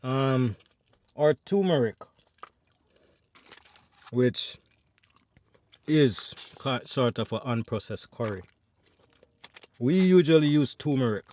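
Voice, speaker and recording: A man's voice: mid-range voice, animated, takes it slowly, pauses often, warm tone. A Jamaican man chatting to viewers between bites in a mukbang eating vlog at home. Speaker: food vlogger.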